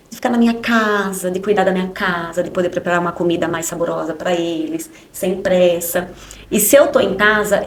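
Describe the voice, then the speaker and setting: A woman's voice: fairly low pitch, a little mellow, a little hiss or hum. A woman, a podcast guest giving an emotional personal testimony in short spoken phrases, often ending with a tag question. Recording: roomy echo.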